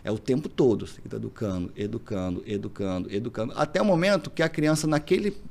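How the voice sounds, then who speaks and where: Fast-talking gravelly Brazilian man. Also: medium pitch. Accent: Brazilian Portuguese. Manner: animated storyteller, acts out dialogue. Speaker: podcast guest, single father. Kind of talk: casual interview chat.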